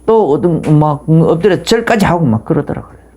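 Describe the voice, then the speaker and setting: A woman's voice: low voice, animated, fairly quick, mellow, slightly rough. A woman pastor preaching a sermon, telling the story emphatically and asking rhetorical questions.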